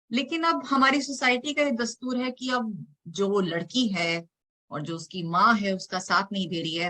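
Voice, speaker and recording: A woman poet recites her own spoken word poetry at an online event over a video call, mixing casual talk with dramatic delivery that swings from hushed to loud lines. Her voice is medium-pitched, and the recording is rough.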